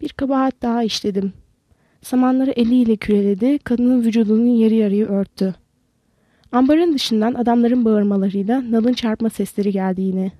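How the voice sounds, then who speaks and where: Woman narrator for a novel, warm and mellow, dry close mic. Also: fairly high pitch, steady tone, moderate pace, dry recording. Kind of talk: audiobook narration.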